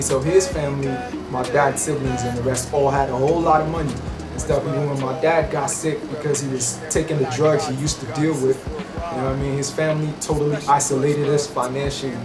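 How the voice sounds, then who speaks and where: A man's voice: medium pitch, level tone, fairly quick. A musician giving an emphatic, preachy interview monologue, often asking if you know what he means. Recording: roomy echo with music behind.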